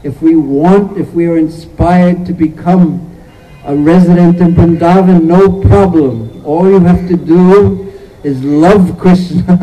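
A man's voice: high voice, dark tone, poor audio. A man preaching a sermon, retelling a sacred story in an earnest way and repeating phrases as he goes.

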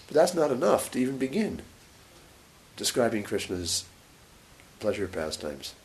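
A man giving a scripture lecture as a religious teacher, short of breath, halting and pausing mid-sentence. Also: medium pitch, big pitch swings. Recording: faint background hiss.

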